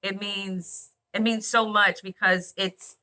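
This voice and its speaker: An upbeat woman from Arkansas, chatting as a guest in a relaxed interview. Her voice is bright and clear, and she laughs easily while she talks. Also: medium pitch, takes it slowly. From Arkansas, USA. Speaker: guest, bakery owner. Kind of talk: casual interview chat.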